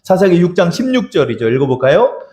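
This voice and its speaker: A man's voice: sits high, sing-song, fast, dark tone. A male pastor preaching a sermon in a church, exhorting the congregation and speaking to them in God's voice. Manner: exhorting, speaks directly to listeners as God. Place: church sanctuary. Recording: echoey church hall.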